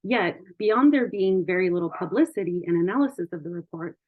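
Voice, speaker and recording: A woman panelist giving formal, measured remarks as if reading prepared points. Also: fairly low pitch, lively intonation, narrow, tinny audio.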